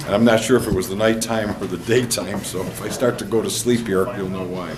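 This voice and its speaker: Sick mayor chairing a meeting, far off. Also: male voice, fairly low pitch, a little fast, crowd noise. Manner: relaxed, joking, clears throat. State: under the weather, cold medicine. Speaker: mayor presiding over a council meeting. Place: council chamber. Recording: echoey room from far off with noise.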